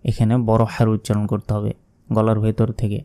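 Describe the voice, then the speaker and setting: A man with a Bangladeshi Bengali accent teaching correct Quran recitation, explaining slowly and deliberately with drawn-out chanted examples. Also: on the low side, monotone, dark tone. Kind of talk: religious recitation lesson.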